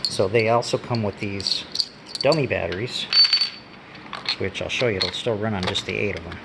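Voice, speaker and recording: Against a steady hum of background noise, a gravel-voiced man with a lowish register reviews a product hands-on. His unscripted delivery is halting, with pauses as he handles the items.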